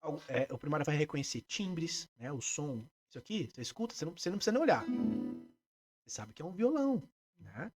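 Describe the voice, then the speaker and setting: A man with a Brazilian Portuguese accent, a music therapist being interviewed, explaining his work in a lively way and breaking into short sung examples. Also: fairly high pitch, fast talker. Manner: animated, demonstrates by singing snippets.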